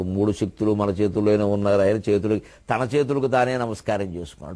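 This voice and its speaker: An older man giving a spiritual discourse, moving between quiet low passages and loud raised points, and sometimes chanting verses. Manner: expressive, rising and falling in pitch and volume, quoting and chanting verses. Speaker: spiritual speaker. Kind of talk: Telugu religious discourse.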